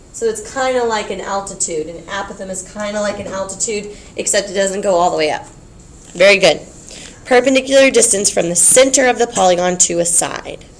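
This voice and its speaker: A woman teaching a geometry class, explaining patiently, repeating key points and checking in with her students. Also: mid-range voice. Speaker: math teacher.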